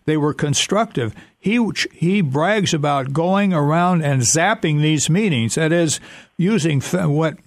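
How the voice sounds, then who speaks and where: A man as a talk-show guest, explaining in a measured, slightly halting way. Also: a little high, expressive, no echo.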